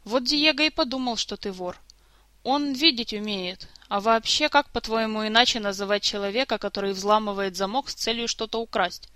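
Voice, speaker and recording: A woman reading as a curious, earnest male elf who keeps asking questions. The voice is bright and forward, recorded dry and close. This is a storybook reading. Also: high voice, normal speed, clean tone, no echo.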